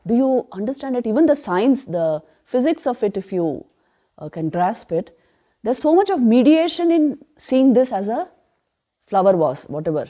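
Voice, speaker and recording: A woman giving a spiritual retreat class on scripture, emphatic, asking rhetorical questions and answering them, and chanting verses slowly. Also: a little high, very animated, dark tone. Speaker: spiritual teacher.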